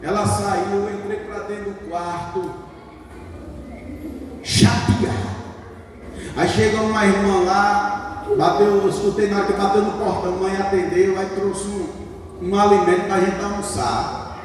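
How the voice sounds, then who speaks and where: A man, a church deacon, telling a testimony as a sermon and building into shouted, half-sung preaching. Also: sits high, flat delivery, measured pace, long pauses, slight background noise. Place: church service. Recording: echoey church hall, mic at a distance.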